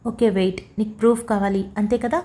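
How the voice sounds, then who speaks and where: A woman's voice: medium pitch, fairly even intonation, quick pace, mellow, lightly acted. A woman voicing a young husband who coaxes and teases his wife in an audiobook story, in a playful manner. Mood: teasing. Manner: coaxing, playful. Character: young husband, teasing and soothing. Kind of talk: audiobook character voice.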